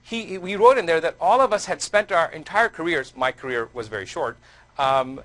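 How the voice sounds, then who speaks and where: A middle-aged man lectures on surgical research, his voice sitting a little higher than most men's. He talks loosely and conversationally, weaving personal anecdotes in and often restarting his sentences. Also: normal speed, fairly bright tone. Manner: conversational, storytelling, frequent restarts. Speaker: surgeon and lecturer.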